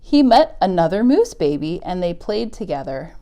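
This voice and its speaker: Speaking straight to little children, a woman reads a story aloud and chats during a preschool storytime, using simple, encouraging words and an exaggerated sing-song emphasis. Her voice is lowish and warm, with big pitch swings. She speaks at a moderate pace.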